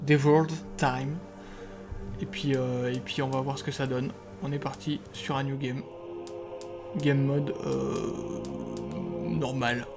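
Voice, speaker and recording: A man hosting a let's play, chatting casually as he plays and haltingly reading game text aloud with jokes. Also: a little high, a little mellow. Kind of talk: casual gameplay commentary.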